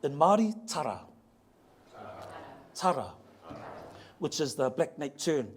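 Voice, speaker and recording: Over a little hiss or hum, a man with a slightly high, very animated voice speaks on ocean voyaging heritage at a museum talk venue. Joking playfully, he slowly spells out word pronunciations and gets the audience to say them back.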